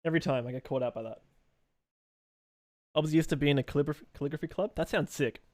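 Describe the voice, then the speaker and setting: A man's voice: fairly high pitch, quick pace, darkish tone, dry recording, clean studio sound. A young man live streaming while he draws, chatting loosely with viewers and reading out and answering their messages in a rambling way.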